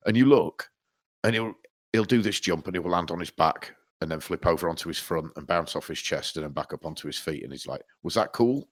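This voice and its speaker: Deep-voiced swearing podcast dad. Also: male voice, fairly quick. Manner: sweary, animated storytelling. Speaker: podcast co-host. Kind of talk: casual chat.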